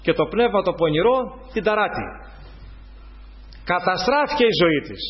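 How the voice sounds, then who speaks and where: Male preacher, high voice, lo-fi recording; rhetorical questions with emphatic peaks. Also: big pitch swings. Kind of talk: evangelical sermon.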